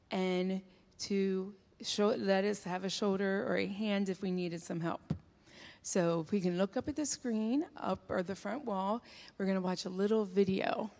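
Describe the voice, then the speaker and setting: A woman speaks gently and informally to children at the front of a church, her voice still recovering from a recent illness. Her words ring out with a long church reverb. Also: mid-range voice. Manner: gentle, chatty and informal with kids, using fillers. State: recovering from illness, voice not fully back. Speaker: children's message leader.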